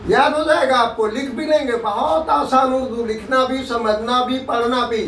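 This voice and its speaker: A man teaching an Urdu alphabet class, drawing out each letter sound and repeating it slowly for his students. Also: very high voice, steady tone, fairly bright tone, slight background noise. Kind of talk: slow alphabet lesson. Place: tuition classroom. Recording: echoey room, mic at a distance.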